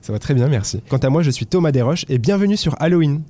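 This lively film podcast host from France speaks quickly in a voice on the high side. He introduces topics and guides the discussion, sometimes hesitating along the way.

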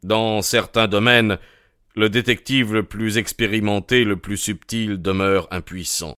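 Man voicing a grave, reluctant country doctor in an audiobook; low, slow, smooth, earnest. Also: fairly even intonation, fairly bright tone, dry recording, clean studio sound. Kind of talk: audiobook character reading.

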